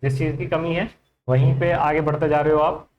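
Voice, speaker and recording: A man's voice: fairly high pitch, fairly even intonation, moderate pace, highs cut off, a little hiss or hum. A man with an Indian accent teaching an English vocabulary class in Hindi, quizzing his students with repeated questions. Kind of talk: classroom lesson.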